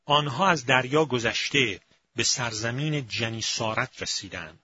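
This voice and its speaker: A man reading scripture aloud as scripted narration, in a measured and expressive storytelling manner. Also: mid-range voice, a little hiss or hum. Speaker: scripture reader. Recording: slightly muffled with faint music.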